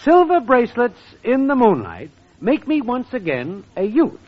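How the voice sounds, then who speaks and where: A man playing a brash, wisecracking young schemer writing a song, with a husky voice, in 1940s radio comedy style, on a dull old recording. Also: very high voice, huge pitch swings, moderate pace, exaggerated voice. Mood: scheming. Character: fast-talking male songwriting schemer.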